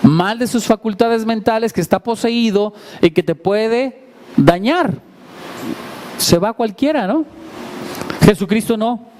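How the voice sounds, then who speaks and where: A man's voice: sits high, slow, pauses often, darkish tone, slight background noise. A man preaching a sermon to a congregation, retelling scripture vividly and putting questions to his listeners. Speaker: pastor. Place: church service before a congregation.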